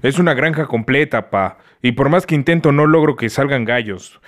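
An actor playing a gloomy eleven-year-old boy with a deep, breaking voice and a Mexican accent, whining and complaining to his father. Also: lively intonation, moderate pace, lightly acted. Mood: sulky. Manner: whiny, sulky complaining.

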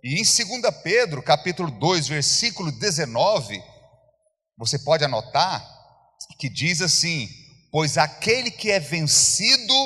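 A man's voice: on the high side, bright, forceful tone, husky. A man preaching a sermon as pastor, emphatic and repetitive, acting out quoted voices. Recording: long church hall reverb.

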